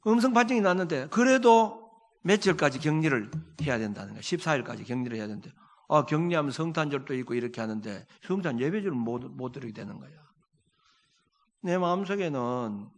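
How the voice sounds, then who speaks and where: A middle-aged man preaching a sermon as pastor. His delivery is emphatic, swinging between loud exhortation and quiet storytelling. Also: medium pitch, animated, brisk. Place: church sanctuary. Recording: long hall reverb in a church.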